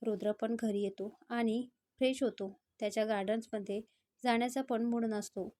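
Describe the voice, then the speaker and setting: A woman storyteller reading a romantic story in a steady, scripted narration. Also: a little high, normal speed.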